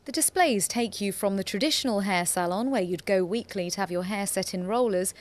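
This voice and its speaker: A female news reporter narrating a scripted regional television report in a measured, even way. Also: mid-range voice.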